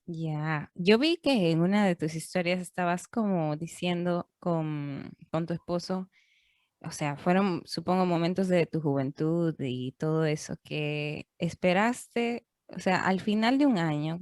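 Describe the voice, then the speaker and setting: A woman's voice: on the low side, darkish tone, no echo, clean studio sound. A woman hosting an interview podcast, friendly and reacting with small exclamations. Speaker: podcast host. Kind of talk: casual interview.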